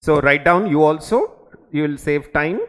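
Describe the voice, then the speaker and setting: A man's voice: on the high side, a little slow, fairly bright tone. A man in his forties with a Telugu Indian English accent, teaching a class in short instructional phrases with frequent check questions, in a reverberant room. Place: indoor teaching studio or classroom.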